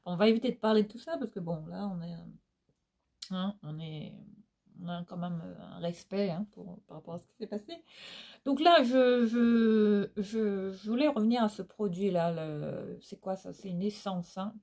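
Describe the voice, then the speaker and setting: A woman's voice: on the low side, moderate pace, creaky, warm tone. Chatty sing-song woman from Réunion. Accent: Réunionese Creole French. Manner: chatty, many fillers and tag questions, sing-song. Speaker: beauty vlogger. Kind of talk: casual product review chat. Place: at home, indoors.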